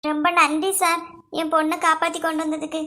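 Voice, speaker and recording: A harried young mother in a cartoon, voiced by a woman. She talks fast. She explains and pleads with her mother-in-law. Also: very high voice, flat delivery, noisy background. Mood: worried.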